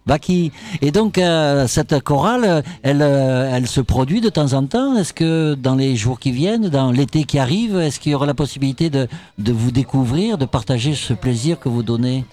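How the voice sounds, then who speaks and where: A man's voice: medium pitch, lively intonation, moderate pace, warm tone. A man hosting a live radio interview, jovial and chatty, dropping Occitan phrases into his French. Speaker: radio host.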